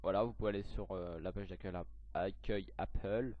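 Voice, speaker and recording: A young man talking through a software tutorial on his computer, hesitant, with lots of fillers and self-corrections. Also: sits low, fairly even intonation, moderate pace. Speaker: tech tutorial youtuber. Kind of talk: screen-recorded software tutorial. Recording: dull lo-fi mic, dry.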